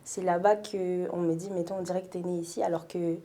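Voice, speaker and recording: Mellow, low-voiced young woman guest. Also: flat delivery, fairly quick, a little hiss or hum. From France. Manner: reflective, hesitant with many fillers. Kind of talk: casual interview chat.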